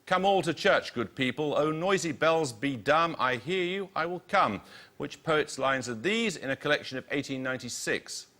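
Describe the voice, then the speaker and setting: Crisp, bright-voiced male quiz host. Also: fairly high pitch, lively intonation, moderate pace. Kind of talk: reading quiz questions and team introductions.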